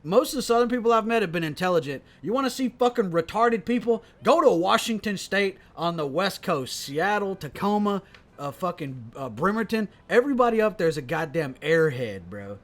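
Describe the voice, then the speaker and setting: A man's voice: sits high, lively intonation, brisk, fairly bright tone. A man hosting a casual comedy podcast, talking in rambling, profane tangents. He is also an impressionist.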